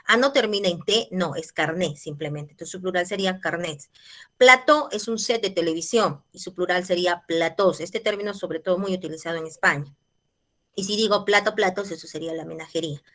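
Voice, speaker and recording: A woman's voice: on the low side, fairly even intonation, fairly quick. Patient woman teaching grammar. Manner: patient explanatory, checks in with "¿ya?" and "¿listo?". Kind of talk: grammar lesson.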